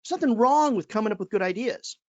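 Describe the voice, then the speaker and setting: A man's voice: sits high, animated, fast, dry recording, dull audio. A man, giving an emphatic webinar talk as a sales trainer and calling his listeners friends. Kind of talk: webinar presentation.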